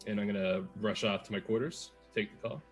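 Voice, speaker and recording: A man's voice: fairly low pitch, fast, soft background music. A man chatting casually as a player at a tabletop role-playing game.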